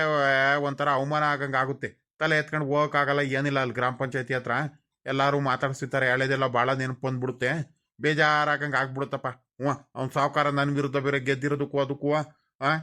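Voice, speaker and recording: An actor playing a proud, quick-tempered middle-aged village boss in a comedy sketch, firing off repeated questions and turning sulky. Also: male voice, mid-range voice, sharp tone, lightly acted. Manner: fires off repeated questions, blustering then sulky. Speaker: former village council member. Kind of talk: rural comedy sketch acting.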